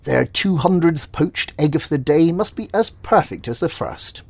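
A man's voice: fairly high pitch, animated, measured pace, creaky, no room sound, heavily acted. An actor with a Slavic accent playing a secretive, smug male recruiter of child chefs, every syllable clipped and exact. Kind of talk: audio drama acting.

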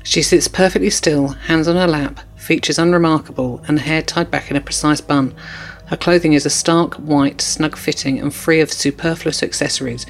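Gravelly man narrating formal documentary. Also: a little high, fairly even intonation, faint music behind. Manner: measured, formal reporting. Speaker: narrator, correspondent.

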